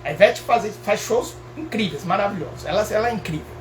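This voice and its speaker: A Brazilian man with a Brazilian Portuguese accent, a professor giving a casual motivational talk in an animated, emphatic way, repeating phrases and checking in with his listeners. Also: sits high, a little fast, heavy background noise. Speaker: professor and speaker.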